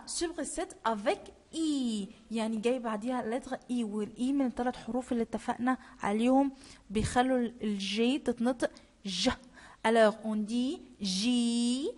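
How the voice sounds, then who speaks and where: A woman French teacher with an Egyptian Arabic accent, slowly spelling out letters and repeating sounds, switching between French and Arabic. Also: a little high. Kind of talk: classroom lesson.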